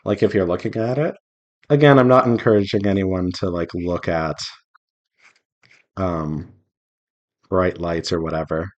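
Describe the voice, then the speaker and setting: Sketching on a live stream, an indie visual novel developer rambles in a casual, playful way to his viewers and to himself for a devlog. He has a deep voice with fairly even intonation, speaking unhurriedly and pausing often. The sound quality is lo-fi.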